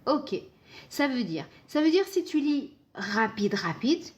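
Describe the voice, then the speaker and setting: Slow, patient woman teaching pronunciation. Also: sits high, big pitch swings. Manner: acts out dialogues with letters, slow and patient explanations. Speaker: Arabic teacher. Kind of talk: live online pronunciation lesson.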